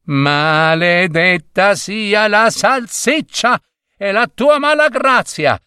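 A man's voice: mid-range voice, big pitch swings, unhurried, a bit bright, no echo, clean studio sound. A man voicing a blustering, grumbling peasant woodcutter in a storybook reading. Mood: angry. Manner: blustering, sighing. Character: grumbling peasant woodcutter husband, middle-aged.

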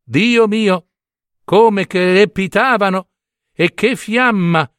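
A man's voice: fairly high pitch, normal speed, dry recording, studio quality. A man voicing a bunch of boastful matches bragging that they are the most important. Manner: boastful, excited.

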